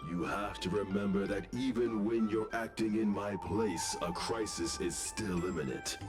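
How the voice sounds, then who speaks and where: An actor playing a proud, stubborn merchant guild president who speaks in a measured, formal way. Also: male voice, on the low side, lightly acted. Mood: stern. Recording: game audio over loud music.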